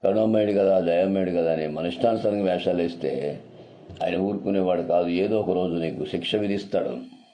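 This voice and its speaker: Deep, dark-voiced male preacher. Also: fairly quick, slight background noise. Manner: emphatic and repetitive, with rhetorical questions. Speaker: pastor. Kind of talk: sermon.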